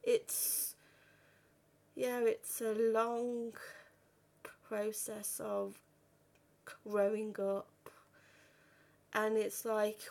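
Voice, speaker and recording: A woman's voice: mid-range voice, completely flat delivery, extremely slow, gravelly, long pauses, a little mellow. A woman in her thirties who stammers, talking to camera about her own life with repeated and broken-off words. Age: 30s. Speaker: vlogger. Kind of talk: personal talk to camera.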